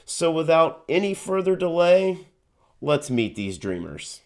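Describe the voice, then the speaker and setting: A man's voice: on the high side, sing-song, measured pace, darkish tone. A man hosting a video, giving an earnest scripted introduction. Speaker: host.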